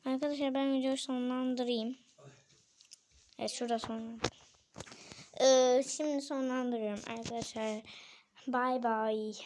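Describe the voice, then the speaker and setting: Young female gaming vlogger, high-pitched, chatty and excitable. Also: unhurried, long pauses, slight background noise. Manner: chatty, addresses viewers, exclaims and frets aloud. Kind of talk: casual game commentary.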